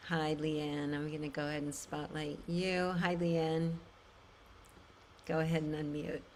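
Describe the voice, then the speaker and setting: A woman hosting and moderating an online group call, gently calling on participants. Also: low-pitched, little pitch movement, unhurried, slight background noise. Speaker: call host and facilitator.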